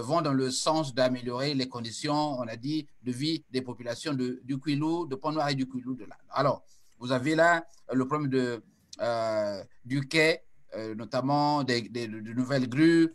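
A man hosting a radio talk show, interviewing a guest over a video call in a measured, hesitant way. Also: medium pitch. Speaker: radio host.

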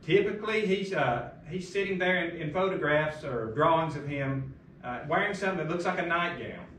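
A man's voice: a little high, animated, moderate pace, a bit bright, echoey room, slight background noise. A middle-aged man pastor preaching a sermon at a lectern, asking emphatic rhetorical questions, recorded by a far camera in a large carpeted church room.

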